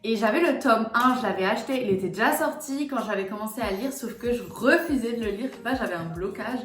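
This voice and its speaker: A young woman chatting casually in a book vlog, animated, swinging between quiet asides and excited bursts. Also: fairly high pitch, fast. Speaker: booktuber. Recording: echoey room with faint music.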